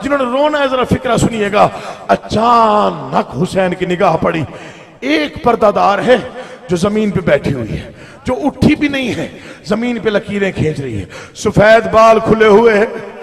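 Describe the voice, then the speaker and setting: A man with a Pakistani Urdu accent reciting a Shia mourning sermon to a live gathering, moving from soft asides to loud chanted lament. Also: high-pitched, lively intonation, unhurried, creaky. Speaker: majlis reciter. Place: large hall before a live gathering. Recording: live recording with long hall reverb.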